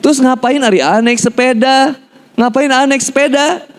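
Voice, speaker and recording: A high-pitched, fretful older mother frets and nags in a Sundanese accent, as a male preacher puts her on. She fires anxious questions one after another. The voice sits well above a man's usual range. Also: steady tone, normal speed, natural voice. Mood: nagging. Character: older mother, worried and scolding.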